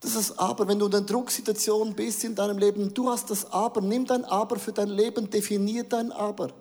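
High-voiced preacher in a reverberant hall. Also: male voice, fairly quick. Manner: animated preaching, drops English words into speech. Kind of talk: sermon.

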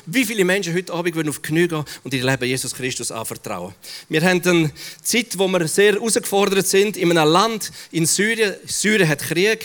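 A man preaching a sermon, an animated storyteller who acts out the people in his stories. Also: high-pitched. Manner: animated storyteller, acting out quotes.

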